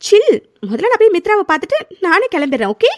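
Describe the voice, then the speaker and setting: A woman voicing a calm young woman in a cartoon serial, patiently coaxing and often ending with a questioning "ha?". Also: extremely high pitch, fast talker, a little hiss or hum.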